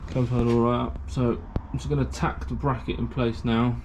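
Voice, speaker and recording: A man's voice: medium pitch, level tone, moderate pace, darkish tone, a little hiss or hum. A man with a British English accent narrating a casual workshop vlog while building a race car, chatty and rambling with lots of fillers, a little out of breath from the heat. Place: hot garage workshop.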